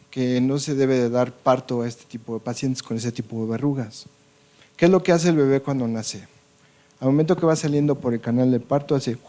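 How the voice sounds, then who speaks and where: A man's voice: mid-range voice, dark tone. A man with a Mexican Spanish accent, a doctor lecturing an audience on colposcopy in a conversational way, often checking in with "ok?" and "yes or no?".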